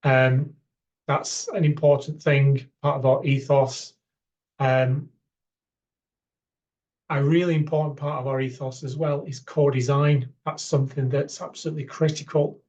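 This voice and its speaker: Halting man, flat voice. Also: medium pitch. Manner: halting, many fillers and repeated words. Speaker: academic presenting a funding round. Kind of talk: information session presentation.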